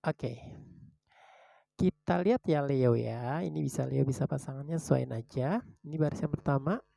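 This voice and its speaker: A tarot reader chatting casually to viewers, calling out cards one by one in a slow, relaxed way, indoors at home. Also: medium pitch, gravelly, no echo. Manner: chatty, slow card-by-card announcing; drops into soft whispers for short prayers. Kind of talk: casual tarot reading video.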